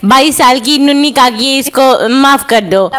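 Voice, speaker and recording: A woman's voice: high voice, a little slow, fairly bright tone. A woman from Pakistan, arguing heatedly on a live stream, needling the other speaker and talking over her.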